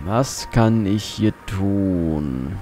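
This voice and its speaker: A man's voice: deep voice, expressive, drawn-out words, dark tone, soft background music. A man giving casual gameplay commentary as a let's play host, muttering to himself as he thinks aloud.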